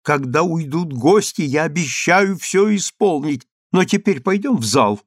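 A man's voice: fairly high pitch, animated, measured pace, no echo, studio quality, voice pushed up. A man reading a story aloud and voicing a tearful young baroness who pleads and then snaps in exasperation. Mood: pleading.

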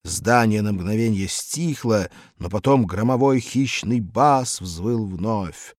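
A man's voice: on the low side, slow, darkish tone, no room sound, studio quality. A man narrating a comic story in a theatrical reading.

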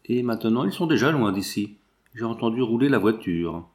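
A man's voice: mid-range voice, expressive, a little fast, darkish tone, close to an everyday voice. A man voicing a matter-of-fact young male gamekeeper in an audiobook. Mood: plain. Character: young male gamekeeper, plain-spoken servant.

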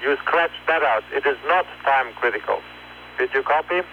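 A male ground controller dictating message corrections step by step in a halting, procedural way over a space mission radio link. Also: mid-range voice. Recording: tinny narrowband space radio, hum, noise.

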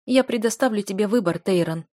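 Woman doing lovesick young heroine, pleading, emotional, loud, dry close sound. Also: medium pitch, fairly quick, dry recording, close to an everyday voice. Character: desperate young woman in love, a student.

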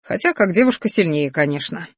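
A serious young student speaks in a measured, steady way, voiced by a woman narrator. Her reading is close and dry, with no echo. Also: lowish voice, breathy edge.

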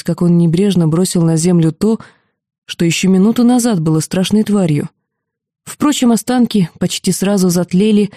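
Woman audiobook narrator, expressive first-person read, warm, dry studio. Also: lowish voice, no echo. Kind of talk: scripted narration.

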